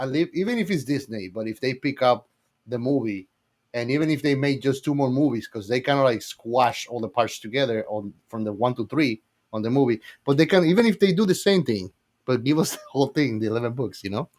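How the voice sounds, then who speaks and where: A man co-hosts a podcast of casual fan chat, enthusiastic, emphatic and playfully argumentative. His voice is medium-pitched and a little mellow, and he talks a little fast.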